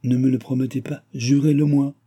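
A man voicing a frail, feverish old alchemist who pleads and cries out in high, agitated bursts. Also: flat delivery, fairly quick, warm tone, slightly rough, natural voice. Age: older.

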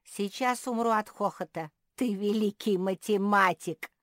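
A woman's voice: medium pitch, lively intonation, measured pace, no room sound, studio quality, pitched above the performer's own voice, natural voice. A woman voicing a cheeky, teasing squirrel boy in a storybook reading. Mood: mocking. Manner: sly, giggling, teasing.

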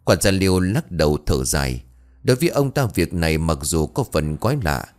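Deep-voiced man telling a horror story. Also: darkish tone. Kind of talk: scripted horror story narration.

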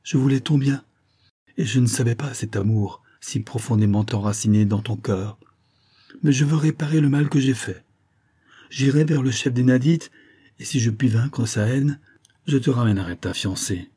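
A man's voice: medium pitch, normal speed, mellow, husky, no echo, lightly acted. A man reading an audiobook, voicing an old prince who speaks solemnly and tenderly to his son. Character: old prince father, remorseful and grave.

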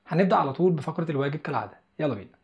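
A man's voice: fairly high pitch, expressive, rapid-fire, darkish tone, dull audio. A man with an Egyptian Arabic accent teaching English listening skills in an online lesson, explaining step by step and speaking straight to the viewer.

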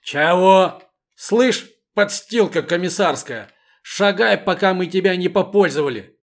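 A man voicing a nasal, leering male street thug in an audiobook, pitching his voice up. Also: lively intonation, unhurried. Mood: sneering. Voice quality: nasal whine. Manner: leering, mocking. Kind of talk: audiobook reading.

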